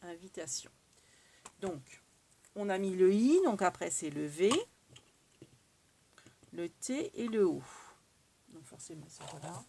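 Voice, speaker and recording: This French-accented craft tutorial host has a gravelly voice on the low side with lively intonation, speaking slowly and pausing often over very noisy background. She demonstrates a craft tool in a chatty way, thinking aloud as she works and filling gaps with many fillers.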